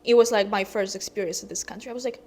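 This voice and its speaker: A woman's voice: mid-range voice, fairly even intonation, fast talker, a little mellow. A young woman from Russia, a vlogger chatting casually to camera, hesitant and full of ums.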